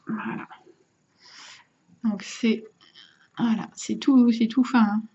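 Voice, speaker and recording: A woman's voice: fairly high pitch, fairly even intonation, slow pace, mellow, dull audio. A woman casually showing and explaining equipment to her viewers, hesitating often with fillers and restarts. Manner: chatty, talks to the viewers while handling objects. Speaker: vlogger showing vaping gear. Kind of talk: casual how-to demonstration.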